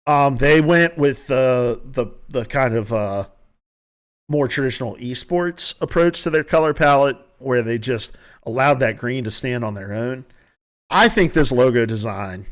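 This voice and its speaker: A man with a noticeable country accent, hosting a podcast and giving casual, rambling, opinionated commentary from home, often restarting his sentences. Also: medium pitch. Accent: Southern US country. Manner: rambling, self-correcting, opinionated. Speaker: podcast host.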